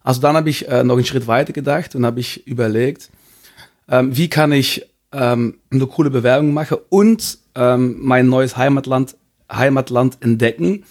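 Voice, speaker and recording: A man's voice: mid-range voice, normal speed. Hesitant man, easygoing guest. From Belgium. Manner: hesitant, searching for words, easygoing. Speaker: podcast guest. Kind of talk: casual interview.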